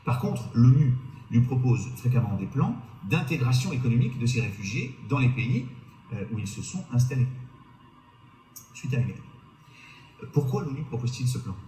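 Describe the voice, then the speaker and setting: A man's voice: medium pitch, sing-song, moderate pace, dark tone, roomy sound, rough recording. A man narrating a history lesson to his viewers, asking rhetorical questions and hesitating often as he explains. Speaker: history video presenter.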